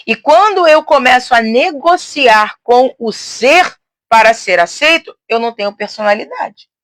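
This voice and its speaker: A woman teaching in a casual, talkative way, speaking loudly and expansively with frequent tag questions and restarts. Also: fairly high pitch, lively intonation, measured pace, no room sound. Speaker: teacher and host. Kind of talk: casual teaching on faith and psychology.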